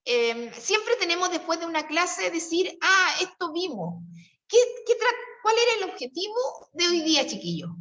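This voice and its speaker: Chilean lady teacher, high voice, patient, keeps quizzing the kids, kinda far off and muffled. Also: big pitch swings, moderate pace, sharp tone. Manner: patient, questioning, coaxing students. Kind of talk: classroom teaching. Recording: distant, roomy and dull-sounding.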